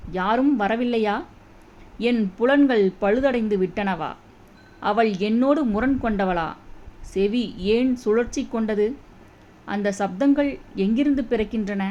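Woman reading as an old blind king, anxious, trembling questions, slow, muffled recording. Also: a little high, darkish tone. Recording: dull audio, faint background noise.

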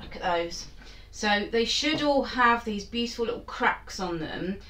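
A woman's voice: a little high, lively intonation, measured pace, noisy background. A woman hosting a casual home cooking demonstration, chatty and hesitant with lots of filler words. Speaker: cooking channel host. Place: home kitchen. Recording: echoey kitchen, mic far off.

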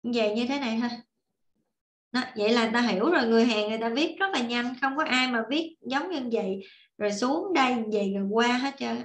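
A woman's voice: on the high side, brisk, echoey room. Patient woman teaching. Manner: patient, repeats and demonstrates while writing. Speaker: Korean language teacher. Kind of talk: casual online class explanation.

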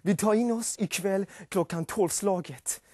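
A man's voice: high voice, a little mellow, slight background noise, close to an everyday voice. A man impersonating a scheming, bossy gang leader who pompously announces his plans.

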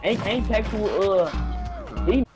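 A man with a high, very lively voice boasts and throws sing-song insults at his opponent. He talks loosely and swears often, and game music plays clearly behind him. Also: slow pace. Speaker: gamer on voice chat. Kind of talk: trash-talking gameplay chatter.

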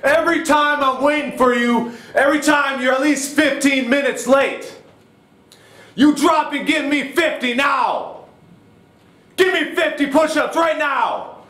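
A man's voice: very high-pitched, a little slow, pushed and bright, exaggerated voice. A young man playing a furious, fed-up boss in a comedy sketch, barking orders like a drill sergeant. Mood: fed up, angry. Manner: barking, commanding. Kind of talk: amateur comedy sketch acting. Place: large indoor studio room with block walls. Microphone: distant camera microphone. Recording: echoey room, far from the mic.

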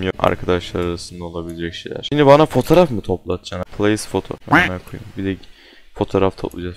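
A young man giving casual, swearing commentary while playing a horror game, yelping when startled. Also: on the low side. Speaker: gaming channel host.

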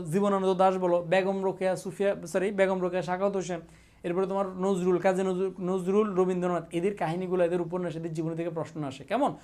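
Teasing coaching teacher. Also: male voice, high voice, darkish tone. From Bangladesh. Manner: teasing, repeats questions, mock threats, drills students. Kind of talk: casual exam-prep class.

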